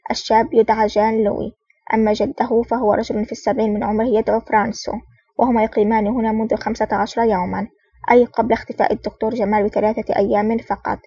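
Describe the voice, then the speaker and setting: A woman's voice: fairly high pitch, flat delivery, fast talker, mellow, slightly rough, dry recording. A woman reading an eager young female agent. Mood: earnest. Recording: dull, distant, dry recording.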